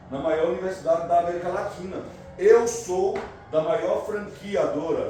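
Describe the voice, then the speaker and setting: A man's voice: on the high side, darkish tone. A tired man giving a motivational talk to a class of students, filling his speech with "no caso" and pushing the room to answer him. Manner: constant filler "no caso", calls for audience answers. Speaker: recruiter speaking to students. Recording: very echoey room, distant mic, background noise.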